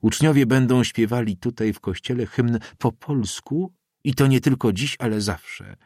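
Mężczyzna czytający głosem surowego, władczego księdza prefekta, szorstko i chłodno spokojnie. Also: male voice, low voice, normal speed, no room sound, clean studio sound, exaggerated voice. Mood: stern. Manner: gruff, coldly calm, scolding. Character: stern, imposing older male priest prefect.

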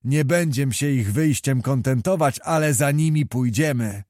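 A man's voice: mid-range voice, unhurried, a little mellow, no echo, studio quality, lightly acted. A man voicing an eager, defiant noble confederate, in a read-aloud historical novel.

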